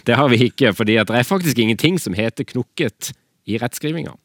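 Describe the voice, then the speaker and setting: A man's voice: medium pitch, animated, fairly bright tone, no echo, studio quality. A man, a language researcher, explaining carefully on a radio show with some hesitation.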